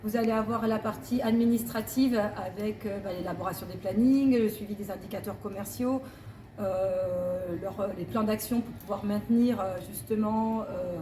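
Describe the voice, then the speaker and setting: A woman's voice: medium pitch, moderate pace, dark tone, echoey room, slight background noise. A woman in her forties, a store manager, describing her job with frequent hesitations. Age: 40s. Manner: hesitant, many fillers. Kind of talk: corporate job interview testimony.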